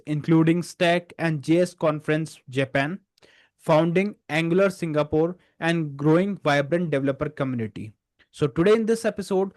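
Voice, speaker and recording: A man's voice: a little high, darkish tone, no echo. A man hosting a podcast, introducing his guest in a formal way and using many fillers. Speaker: podcast host. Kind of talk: interview hosting.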